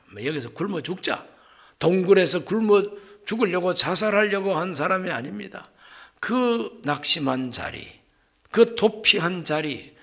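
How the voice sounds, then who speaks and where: A male pastor preaching a sermon, swinging from hushed whispers to loud exclamations and firing rhetorical questions at the congregation. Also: high-pitched.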